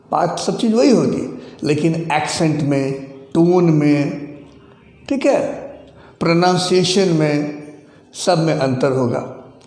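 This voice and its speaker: A male teacher lectures in a slow, measured way, often pausing to check that his listeners follow. His voice sits a little high for a man. The recording has a roomy echo with a long reverb tail. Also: mellow. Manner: slow, deliberate explaining with frequent "theek hai" check-ins. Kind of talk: classroom lecture. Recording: echoey room with long reverb.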